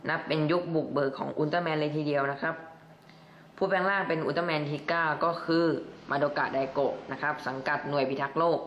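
A man's voice: on the high side, steady tone, moderate pace, dull audio. A young man chatting casually through a toy review and padding his sentences with polite particles. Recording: echoey room, faint background noise.

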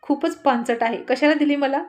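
A woman's voice: high-pitched, moderate pace, lightly acted. Woman narrator voicing a bashful giggly young wife. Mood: playful. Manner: shy, giggly, sometimes scolding.

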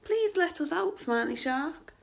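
Woman reader voicing tiny storybook fish, high urgent cries, bright and loud. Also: lively intonation, a little slow, vocal fry, exaggerated voice. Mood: panicked. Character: frightened little fish in a chorus.

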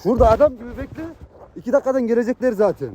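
Exasperated guy scolding someone outside, talks super fast, highish voice, dark tone. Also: noisy background. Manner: exasperated, scolding, tries to calm. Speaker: prank target. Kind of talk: casual street talk. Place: outdoors on a street.

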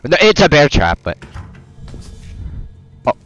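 A man playing a video game and commenting, rambling, swearing often and bursting into loud excited outbursts, close to his microphone. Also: a little high, slow pace, highs cut off, faint music behind. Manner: rambling, stumbling over words. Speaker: gamer. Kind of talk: let's play commentary. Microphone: close desk mic.

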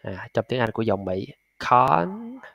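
A man teaching English pronunciation, patiently repeating and drilling each sound slowly. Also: mid-range voice, no room sound. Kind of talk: pronunciation lesson.

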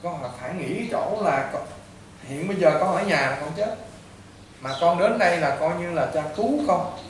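A high-pitched man with a Southern Vietnamese accent, a priest who counsels a patient in blunt, repetitive lectures. He sounds distant from the microphone. The room is strongly echoey, with clear background noise. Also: lively intonation, moderate pace. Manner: blunt, repetitive, lecturing, addressing the listener as a child. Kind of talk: informal counseling talk to a patient.

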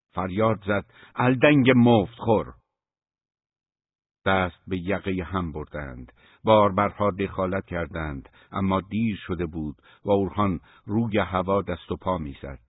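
A male audiobook narrator reads a novel in a measured, even way. His voice is low and husky. The recording is dry and thin like a phone line. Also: dry recording. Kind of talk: scripted narration.

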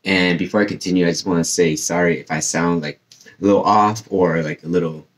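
Young man, low voice, casual vlog host, rambling with fillers, slightly numb slurred mouth. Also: fairly even intonation, a little fast. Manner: chatty, rambling with many fillers. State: slightly numb mouth after dental surgery. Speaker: YouTube host.

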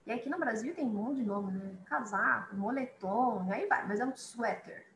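A woman teaching a beginners' online English lesson, chatty, repeating each word slowly for her students. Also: fairly high pitch, vocal fry, a bit bright, reverberant, a little hiss or hum, poor audio.

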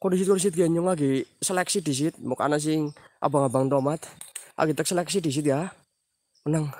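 Brisk and fairly high, a little mellow, with no room sound, a man talks to viewers during an outdoor paranormal stream at night. He's chatty, reads names aloud to thank people, and sprinkles in Javanese slang and abrupt exclamations.

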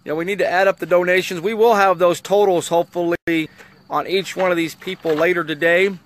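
A man with a notably high voice hosts a casual livestream fundraiser. He reads donor names and amounts aloud and thanks each person in turn. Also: steady tone, a little fast. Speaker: livestream host reading donations. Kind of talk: casual outdoor livestream chat.

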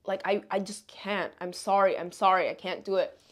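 A woman's voice: medium pitch, steady tone, moderate pace, natural voice. Girl doing her sheepish boyfriend begging, meek and sorry. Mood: pleading. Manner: meek, apologetic. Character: sheepish pleading young boyfriend.

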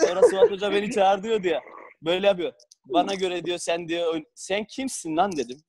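High-voiced man telling stories on a video call. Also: fairly quick. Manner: animated, laughs often, acts out quotes. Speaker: former footballer. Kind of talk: casual storytelling on a video call.

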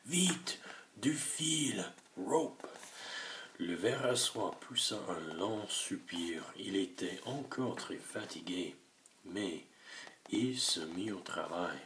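A man's voice: low-pitched, slow, a bit bright. A man reading a story aloud as a lesson, giving a phrase and then translating it and explaining words. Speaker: teacher reading a French story. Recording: echoey room with noise.

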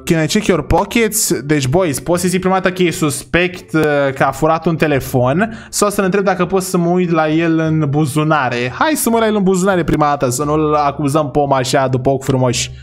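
A young man from Romania giving excitable, chatty commentary while playing a video game, talking to his viewers. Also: on the high side, hardly any pauses. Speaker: gaming YouTuber. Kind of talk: gameplay commentary.

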